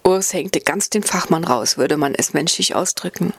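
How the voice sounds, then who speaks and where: A woman narrating a children's storybook, reading lively and taking on every voice. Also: lowish voice, normal speed, gravelly, slightly rough.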